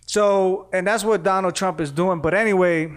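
A man from Costa Rica talks as the guest in a relaxed podcast chat. His voice sits a bit high and sounds clear and smooth. He speaks loosely and candidly, with plenty of fillers. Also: normal speed. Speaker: guest artist.

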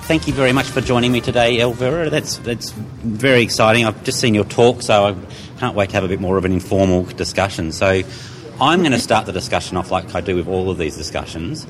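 A man's voice: fairly low pitch, a little fast, over music. A man hosting an interview, asking questions casually and often stumbling and repeating words. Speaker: podcast host, interviewer. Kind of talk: scripted intro, then casual interview.

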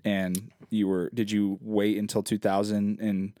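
A man's voice: on the low side, level tone, unhurried, warm tone, no echo, studio quality. A married man co-hosting a casual chat, easygoing and asking curious questions.

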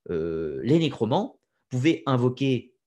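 An occult history lecturer with a medium-pitched, sing-song, mellow voice speaks unhurriedly and unscripted. He lays things out step by step, hesitating frequently with fillers and restarts, and turns to his listeners with opinionated asides.

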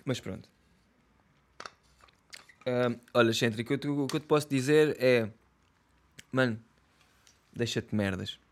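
A man's voice: mid-range voice, fairly even intonation, moderate pace, long pauses. A young man with a European Portuguese accent, ranting casually in slangy, swear-filled talk with lots of fillers. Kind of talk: casual rant.

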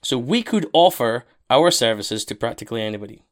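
A man's voice: medium pitch, lively intonation, brisk. A man co-hosting a podcast in a casual, conversational style. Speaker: podcast co-host and car detailer.

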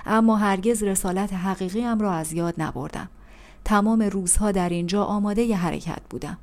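A woman's voice: mid-range voice, a little mellow, close to an everyday voice. A woman reading aloud, voicing an anguished male prophet who cries out in bitter reproach to God over a ruined city. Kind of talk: audiobook reading.

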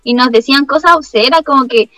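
A young woman with a Chilean accent, her voice pitched a little high, recounts her time as a missionary in casual conversation. She tells it in a lively way and keeps dropping in the filler 'como'. Faint music runs quietly in the background. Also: fairly quick, no echo, low-quality recording. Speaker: former missionary. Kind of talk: casual chat, telling a story.

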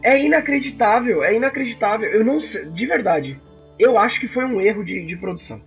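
Gravelly, high guy chatting games. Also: brisk, faint music behind. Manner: animated, frequent fillers and restarts. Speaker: podcast co-host. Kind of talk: casual chat about video games. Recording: slightly dull lo-fi sound.

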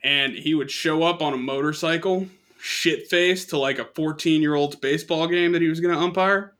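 A young man co-hosting a podcast tells rambling stories laced with profanity, casually chatting and laughing at his own jokes. His voice is fairly high and a bit bright, at a moderate pace.

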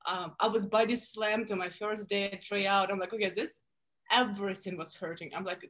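A woman from Russia in her 30s talks at normal speed in a mid-range voice with a Russian accent. As a guest in a relaxed interview, she tells lively stories packed with fillers.

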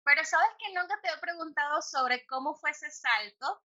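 A woman's voice: sits high, normal speed, pushed and bright, dull audio. A woman hosting a podcast interview, welcoming her guest and asking questions. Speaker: podcast host.

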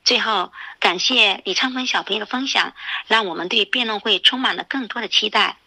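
A woman teacher giving scripted commentary in a formal, measured and instructive manner. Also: mid-range voice, bright, forceful tone, no echo, rough recording.

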